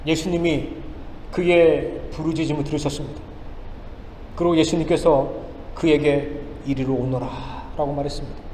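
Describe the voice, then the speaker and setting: A male pastor preaching a sermon, firing off rhetorical questions and swinging between loud and hushed lines. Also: on the high side, steady tone, normal speed, long pauses, slight background noise. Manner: emphatic, rhetorical questions, dramatic swings in loudness. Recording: echoey church hall with faint ambience.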